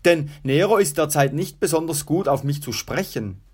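A man's voice: on the high side, animated, moderate pace, husky. A man voicing an outspoken middle-aged Roman guard tribune, speaking with raised emphasis.

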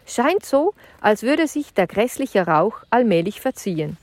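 A woman reads out a daring young boy in a storybook, high and keen in tone, with every word clipped and sure. His voice is decisive and a little bright above her own. The recording is dry and close. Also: very animated, a little slow, dry recording. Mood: eager. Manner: eager and decisive, hissing when whispering. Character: bold, curious boy leading his friends.

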